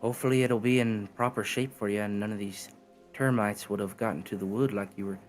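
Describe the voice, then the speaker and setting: A man's voice: lowish voice, steady tone, fairly quick, natural voice. A man voicing a humble, obliging village carpenter in a folksy, hammy drawl for a tabletop role-play, with music behind him.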